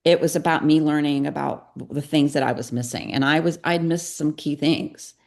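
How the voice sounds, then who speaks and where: A middle-aged woman with a deep, gravelly voice, speaking as a podcast guest. She talks earnestly and confessionally and acts out snatches of dialogue as she tells her story. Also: fairly even intonation, moderate pace. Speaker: guest, psychotherapist and parenting coach.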